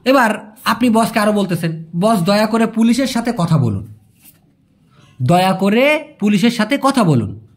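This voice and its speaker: A man with a Bangladeshi Bengali accent teaches a language lesson. He explains slowly, repeats each example and calls his listeners brother. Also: sits high, very animated. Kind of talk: language lesson for migrant workers.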